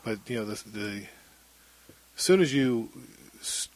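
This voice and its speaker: A middle-aged man with a thin, husky voice, speaking haltingly and reflectively as he tells his own story in an interview. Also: fairly low pitch, expressive, no echo, poor audio. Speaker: interview guest, former radio broadcaster. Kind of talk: candid personal interview.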